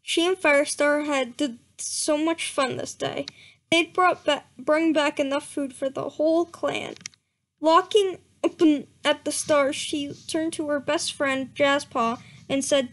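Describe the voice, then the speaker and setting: A young woman reads aloud for comedic effect, her voice sitting high with fairly even intonation and a slightly slow pace. She stumbles over words and breaks off for laughing asides and mock outrage in this dramatic reading with commentary.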